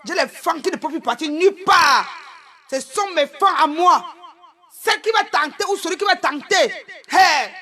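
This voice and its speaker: A woman doing joking live-stream banter on a phone, loud and laughing, often breaking into shouts. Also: extremely high pitch, animated, moderate pace.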